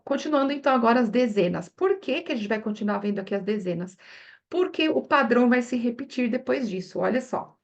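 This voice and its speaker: A woman teaching English pronunciation to Portuguese speakers. She models each number slowly, exaggerates her mouth movements and keeps checking in with the learner. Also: on the high side, creaky. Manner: models words one by one, asking learners "né?". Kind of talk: pronunciation lesson.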